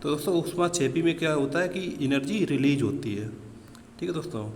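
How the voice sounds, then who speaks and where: A coaching teacher with a slightly high, darkish-toned voice works through practice questions in a walkthrough lesson, animated and a little fast. He talks to listeners like friends and mixes English technical terms into his speech, recorded in a reverberant room with background noise.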